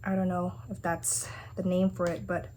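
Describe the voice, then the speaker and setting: A woman's voice: lowish voice, flat delivery, moderate pace, warm tone, slight background noise. A woman chatting casually to viewers as a food challenge vlogger, sounding exasperated and questioning herself. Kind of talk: casual chat to viewers while eating.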